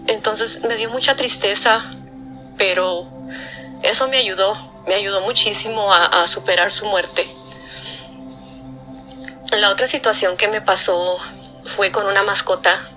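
A woman tells personal stories in a soft, heartfelt voice. Her tone is bright but stays level, with little rise and fall. Faint music plays behind her. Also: mid-range voice, fairly even intonation. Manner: soft-spoken, heartfelt, halting with repeats. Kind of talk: personal storytelling.

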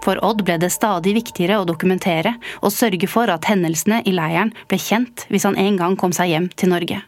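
A woman narrating a scripted history story in a calm, even way. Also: on the low side, slight background noise. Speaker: podcast narrator. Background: faint music.

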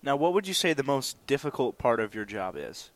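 A man's voice: medium pitch, big pitch swings, a little fast. A young Midwestern man hosting a podcast, joking and teasing his guests in casual chat. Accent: Midwestern American. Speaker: podcast host.

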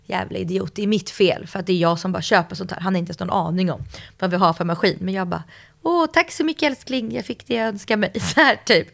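A woman in casual chat, telling a story in a lively way and acting out quoted lines. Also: fairly low pitch, vocal fry.

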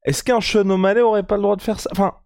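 A man co-hosting a casual sports podcast, talking in an animated, colloquial way and thinking aloud. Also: high-pitched, quick pace, vocal fry. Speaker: podcast co-host. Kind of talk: casual chat about MMA.

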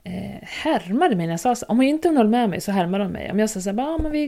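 A woman chatting casually and telling a story with animated energy. Her talk is loose and full of fillers, at an everyday middle pitch. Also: vocal fry. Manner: lively storyteller, fillers like "så här". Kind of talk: casual chat.

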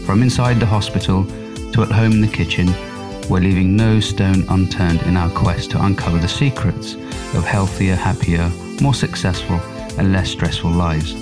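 A man's voice: sits low, fairly even intonation, normal speed, music in the background. A man hosting a podcast interview, chatty and rambling with fillers, after a read intro. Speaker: podcast host. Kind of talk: scripted intro then casual interview.

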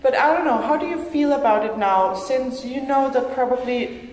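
A woman's voice: sits high, moderate pace, a little mellow. Chatty Danish woman in echoey gallery. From Denmark. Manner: chatty, many "like" fillers. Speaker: podcast host. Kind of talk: casual conversational interview. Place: gallery exhibition room. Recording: echoey gallery room with long reverb.

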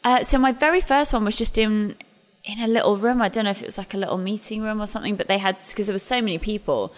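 In a chatty interview, a thirty-something English stage actress from musical theatre discusses her career, talking fast in a medium-pitched voice. She's self-deprecating, often starting over and laughing, and the audio carries a big-room sound.

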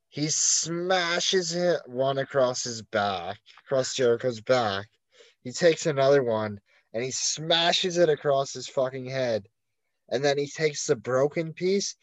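A man's voice: fairly high pitch, no echo. A man co-hosting a casual podcast, rambling through a story with constant "like" fillers and plenty of swearing. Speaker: podcast co-host.

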